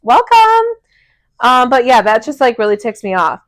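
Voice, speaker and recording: A woman's voice: fairly high pitch, a little fast, a bit bright, no room sound. A woman co-hosting a casual podcast chat, talking bluntly about work and swearing freely. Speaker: podcast co-host.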